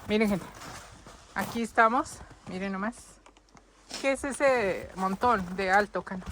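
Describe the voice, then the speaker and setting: A woman's voice: mid-range voice, unhurried, fairly bright tone, a little hiss or hum. A woman, chatting casually to her viewers while filming a snowy yard on her phone outdoors. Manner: chatty, addresses viewers constantly. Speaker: vlogger. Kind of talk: casual vlog walkthrough. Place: outdoors in deep snow.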